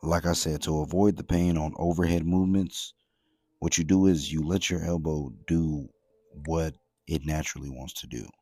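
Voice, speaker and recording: A man's voice: a bass voice, fairly even intonation, normal speed, a little mellow, no room sound. A man giving casual workout commentary as a voice-over, in a laid-back, slangy gym-bro manner. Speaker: fitness vlogger.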